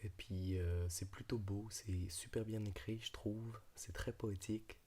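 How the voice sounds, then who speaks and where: A man speaks in a soft, hushed, half-whispered ASMR voice, talking about and reading from a book in an unhurried, slightly hesitant way. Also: lowish voice, steady tone, husky. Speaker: ASMR video creator.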